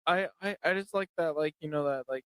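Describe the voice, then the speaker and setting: A man's voice: on the high side, a little fast, fairly bright tone, no room sound, low-quality recording. A man guesting on a podcast, chatting casually over drinks, stumbling over and repeating his words as he rambles.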